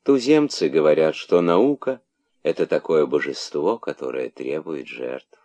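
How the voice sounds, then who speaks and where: Man voicing a mother monkey, storybook, stern, measured, low voice. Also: darkish tone, heavily acted. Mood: weary.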